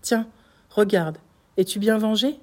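A woman's voice: medium pitch, a little slow, mellow, voice pushed up, close to an everyday voice. A woman voicing a tormented middle-aged male prosecutor in an audiobook, crying out in frantic, pleading outbursts. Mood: frenzied. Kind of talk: audiobook reading.

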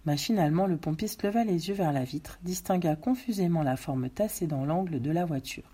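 A woman narrating a novel aloud in measured storytelling. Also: on the low side, warm tone, slightly rough.

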